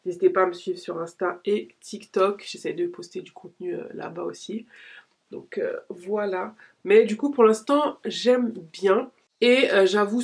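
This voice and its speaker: A woman's voice: fairly low pitch, a little mellow, husky. A woman in her late thirties chatting casually as a beauty vlogger, rambling and slangy while doing her skincare at home. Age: late 30s. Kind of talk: casual vlog chat. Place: home, filmed in natural daylight.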